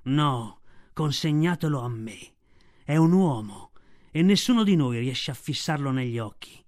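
A man's voice: medium pitch, animated, measured pace, a little mellow, lightly acted. A man voicing a menacing, scheming male tiger who speaks with growling contempt in a storybook reading. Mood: demanding.

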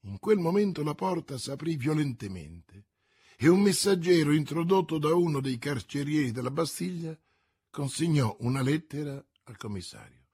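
A man narrating an audiobook of a classic novel, with expressive, dramatic storytelling. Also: on the high side, normal speed, husky.

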